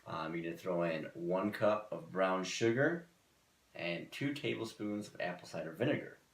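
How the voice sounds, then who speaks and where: A man's voice: sits low, normal speed. A man co-hosting a cooking show in a kitchen, talking through a recipe in casual chat with dry, teasing banter. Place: kitchen studio. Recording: echoey kitchen room.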